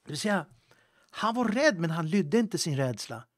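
A male pastor preaching a livestream sermon, swinging between loud fervent appeals and hushed, halting asides. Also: fairly high pitch, very animated, dry recording, clean studio sound. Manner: halting, with restarts and fillers.

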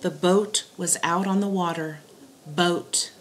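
A woman teacher dictating spelling words and sentences in a deliberate way, setting words apart and repeating them. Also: mid-range voice. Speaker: teacher giving a spelling test.

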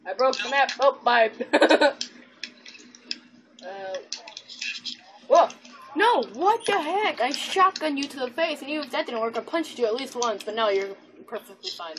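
A woman's voice: fairly high pitch, expressive, normal speed, noisy background. A woman giving playful, giggly commentary over her own gameplay, teasing her friends as she plays. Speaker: gaming channel host. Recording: constant mouse and keyboard clicking.

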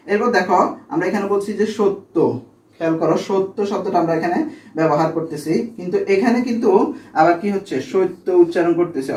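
A man's voice: high-pitched, a little mellow, echoey room, far from the mic. A man teaching a school grammar lesson, asking questions and then answering them himself.

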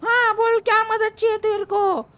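Woman putting on a shrill sly ghoul lady. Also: flat delivery, normal speed, fairly bright tone. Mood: sly coaxing. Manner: falsely sweet, then gloating. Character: menacing female ghoul, the dancing lady.

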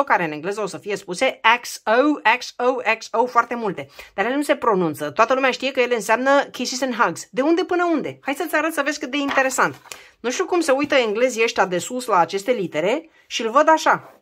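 A woman teaching English phrases in a casual video lesson, explaining warmly and checking in often with her viewers. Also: fairly high pitch. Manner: lively, explains with frequent "da?" check-ins.

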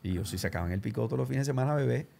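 A man's voice: medium pitch, very fast, gravelly. A man hosting an interview, telling his own story casually, full of slang. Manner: animated, slangy, does voices of people he quotes. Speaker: show host and radio announcer.

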